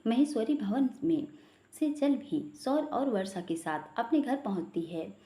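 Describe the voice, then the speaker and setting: A woman reading a family story aloud in a steady, expressive way. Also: on the high side, measured pace. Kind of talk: scripted story narration. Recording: roomy echo.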